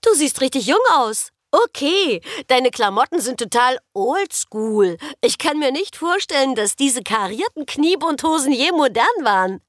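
An outspoken, bubbly girl who chatters without pause, her voice pitched high and swooping lively from word to word, as a woman reads her out. The sound is dry and close, with no room around it. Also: dry recording. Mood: chatty. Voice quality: bright, chattering, excitable. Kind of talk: audiobook character voice.

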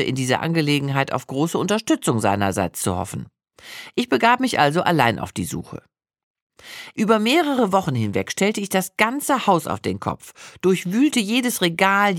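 A woman in her sixties narrating her own memoir with reflective, expressive storytelling. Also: on the low side, dry recording, clean studio sound. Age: 60s.

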